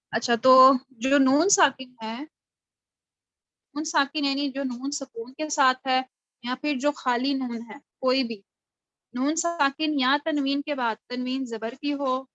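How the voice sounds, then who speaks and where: A woman's voice: high-pitched, a bit bright, dry recording, dull audio. A woman teaching a Quran recitation class over a video call, who explains patiently, asks her students questions and praises their answers. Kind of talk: online class lesson.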